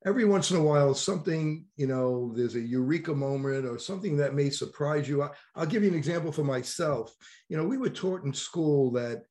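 A middle-aged man with a New York accent, interviewing a colleague in a measured, conversational way. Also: on the high side, a little mellow. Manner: conversational, measured questions with fillers. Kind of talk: professional interview.

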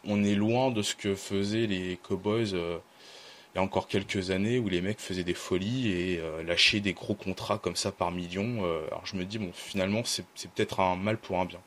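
A man's voice: low-pitched, fairly even intonation, normal speed, fairly bright tone, slight background noise. A man talking casually on a podcast, thoughtful and hesitant, with many fillers and restarts. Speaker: podcast guest, team fan.

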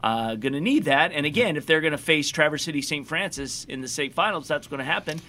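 A man hosting a casual high school football talk show, chatty and rambling with quick asides. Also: lively intonation, sharp tone. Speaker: sports talk show host.

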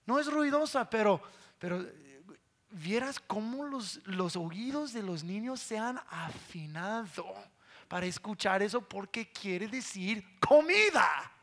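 Slow-talking man preaching a sermon. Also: high-pitched, animated, bright, forceful tone. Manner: conversational storytelling with repetitions and sound imitations.

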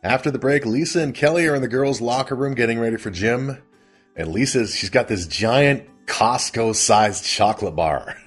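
A man hosting a casual recap of an old sitcom, chatty and quick to laugh. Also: medium pitch, breathy edge, faint music behind. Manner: laughs often, chatty and amused. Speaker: podcast host recapping a sitcom.

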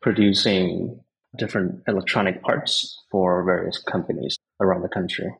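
A man from India, a tech company co-founder, answering interview questions in a measured, explanatory way. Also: low-pitched, steady tone, gravelly, rough recording.

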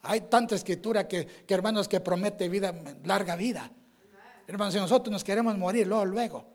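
A man's voice: sits high, brisk. A male pastor preaching a fervent sermon, constantly calling out amen and addressing the brothers. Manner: fervent, sprinkles amén and hermanos constantly.

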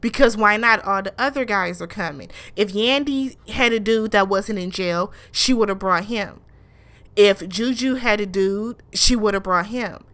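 Casting note: a woman doing a casual reality-TV recap, mid-pitched voice, outspoken and animated. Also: unhurried. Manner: animated and blunt, with frequent swearing; mimics show cast members in raised voices.

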